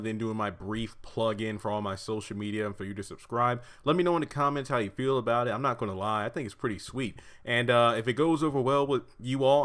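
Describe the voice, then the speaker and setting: A man giving a chatty, animated review of a TV episode from his apartment, often laughing and acting out the characters' lines. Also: on the low side. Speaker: show reviewer.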